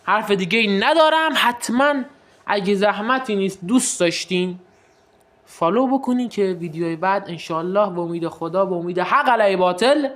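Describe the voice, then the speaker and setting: A man's voice: high voice, lively intonation, a bit bright. A man chatting to viewers while playing a mobile card game, explaining moves and sometimes breaking into mock sports commentary. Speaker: gaming video creator. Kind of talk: casual gameplay commentary.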